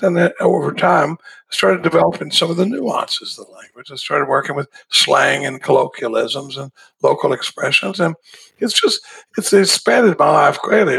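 An older man in his sixties voicing a chatty, boastful male talking dog in a told joke, calm and matter-of-fact, with a gravelly, husky voice. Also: a little high, exaggerated voice, poor audio. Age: 60s.

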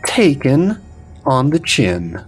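A man voicing a muscle-proud, flirty strongman brute in a tabletop game, boasting with slow emphasis. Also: mid-range voice, sing-song. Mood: proud, boastful. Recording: music behind.

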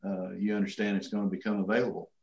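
A middle-aged man gives casual interview answers in a low-leaning voice. He is folksy and halting, pausing often. The sound is muffled, with a strong room echo. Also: little pitch movement, gravelly, a little mellow. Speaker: interview guest, city manager.

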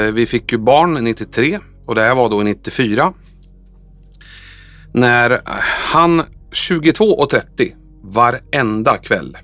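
A man's voice: mid-range voice, a bit bright, dry recording. Man in his fifties telling a story. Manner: unhurried, with frequent hesitations and acted-out quoted dialogue. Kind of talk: casual spoken storytelling.

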